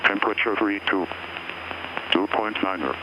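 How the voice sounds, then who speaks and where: A man reading a recorded airport weather and information broadcast in a flat, measured way, heard over an aircraft radio. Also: on the low side. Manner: measured, even delivery of numbers and notices. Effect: automated airport information broadcast heard over an aircraft radio. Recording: muffled aircraft radio with loud background hum.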